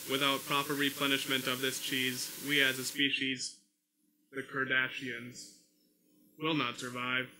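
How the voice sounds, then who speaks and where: A man doing a deadpan male alien. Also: medium pitch, measured pace, a little hiss or hum, low-quality recording.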